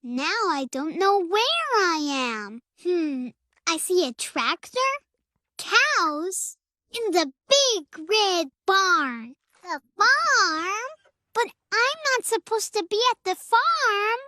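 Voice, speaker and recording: A voice actor plays a cheerful young girl elephant from a preschool cartoon, speaking to the viewer in a very high, sparkling, pushed and bright voice. She talks unhurriedly and sing-song, drawing out words as her pitch leaps up and down, with a heavily acted, worried, lost mood. The sound is dry, close studio audio with no echo.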